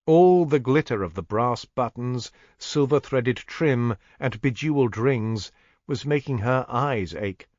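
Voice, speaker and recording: A man narrating a period mystery audiobook in a measured, descriptive manner. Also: medium pitch, no echo. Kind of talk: scripted narration. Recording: dull, dry studio recording.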